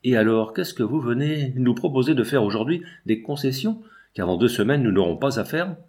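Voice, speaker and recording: A sharp young man, as a male reader puts him on. His questions come ironic and probing, poking holes in what he is told. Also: mid-range voice, animated, brisk, lightly acted.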